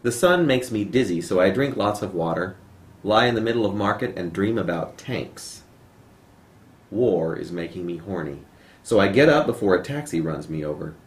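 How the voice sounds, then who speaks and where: A man performs his poems aloud at a home reading, his low-pitched voice animated and moving at a moderate pace. Captured on amateur video with just the camera's mic, the sound is echoey with faint noise.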